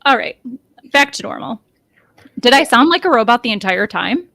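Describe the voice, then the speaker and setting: A woman's voice: fairly high pitch, lively intonation, normal speed, gravelly, a bit bright. A woman co-hosting a live-streamed podcast, chatting casually and laughing easily. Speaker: podcast co-host.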